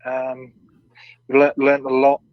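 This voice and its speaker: A man's voice: medium pitch, monotone, takes it slowly, no echo, dull audio. A middle-aged man from southern England, born in Wales, recalling his career in a casual interview, hesitant and often repeating words, on an audio-only internet call. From born in Swansea, brought up around Reading, England. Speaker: former professional footballer, interview guest. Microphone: audio-only online call.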